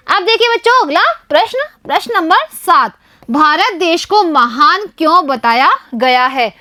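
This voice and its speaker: High-voiced teacher talking to children. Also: female voice, a bit bright, dry recording, studio quality. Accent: Indian. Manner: keeps addressing the children, asks and answers her own questions. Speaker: primary school teacher. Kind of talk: explaining a Hindi lesson to young children.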